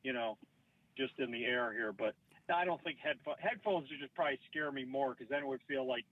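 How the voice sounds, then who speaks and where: A man's voice: mid-range voice, a little fast. A stand-up comedian guest calling in by phone from his car, joking and self-deprecating, heard over a dull, lo-fi line. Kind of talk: casual podcast chat by phone. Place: parked car. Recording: muffled lo-fi phone call.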